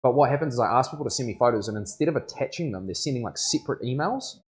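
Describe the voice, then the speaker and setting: A tattoo artist with a broad New Zealand accent chats casually on a livestream, his speech laid-back and slangy, often checking that people agree. His medium-pitched voice is expressive and racing.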